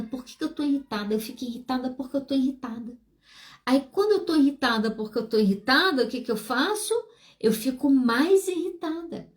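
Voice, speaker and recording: Brazilian woman psychologist, fairly high voice. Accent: Brazilian Portuguese. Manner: explanatory, acts out dialogues with changing pitch. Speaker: psychologist and podcast host. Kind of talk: podcast monologue on emotional health.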